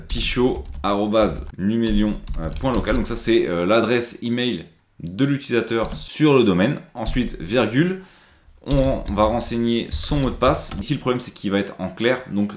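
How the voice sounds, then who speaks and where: A man's voice: fairly low pitch, echoey room, slight background noise. A man presenting a screen-recorded IT tutorial, explaining step by step with frequent hesitations.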